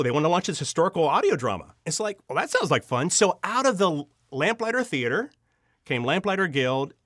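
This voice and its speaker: With a mid-range, fairly bright voice and clean studio sound free of room tone, a man is interviewed about his work writing and directing audio drama. He tells anecdotes animatedly, gushing and acting out the dialogue.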